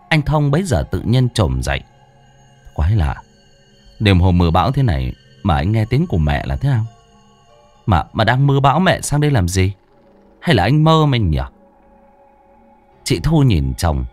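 A man narrating an audiobook in an expressive storytelling manner. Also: medium pitch.

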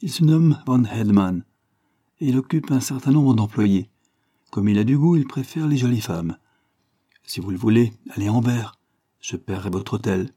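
A man's voice: on the low side, lively intonation, moderate pace, dark tone, no echo, clean studio sound. A man voicing a plump, scheming German businessman who talks brusquely and impatiently in an audiobook. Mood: sly.

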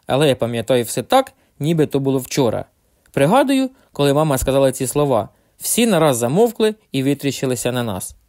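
Expressive male audiobook narrator. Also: mid-range voice, no room sound, studio quality. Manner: expressive storytelling.

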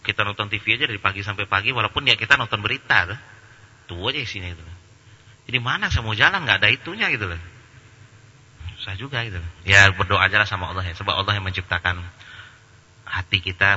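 A man giving a lively religious lecture with a very bright, husky voice. He keeps it humorous and colloquial, acting out little anecdotes. The sound carries a long hall reverb. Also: low-pitched, quick pace, pauses often, dull audio. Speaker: Islamic preacher answering questions.

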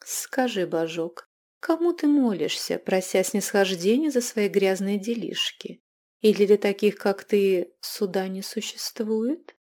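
A woman's voice: mid-range voice, measured pace, a little mellow, close to an everyday voice. A woman voicing a scheming, ancient female vampire queen and witch in an audiobook, with a mocking, taunting and hissing manner. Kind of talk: audiobook character voice.

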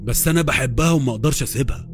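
A man's voice: mid-range voice, rapid-fire, music in the background, close to an everyday voice. A man playing a cold, insolent husband with an Egyptian accent in a horror story.

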